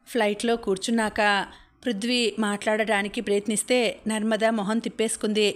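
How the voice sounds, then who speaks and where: Woman reading a story in an even voice. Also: medium pitch. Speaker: audiobook narrator. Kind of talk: scripted story narration.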